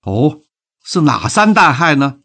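A man's voice: fairly high pitch, sing-song, takes it slowly, creaky, slightly rough, voice pushed up, exaggerated voice. A man voicing a brash young strongman. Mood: curious. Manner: forceful, commanding speech. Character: brash young strongman, bold and hot-tempered.

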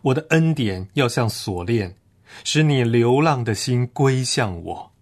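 A man voicing a loving, gentle father in a parable, speaking tenderly. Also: medium pitch, expressive, measured pace. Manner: tender, soothing.

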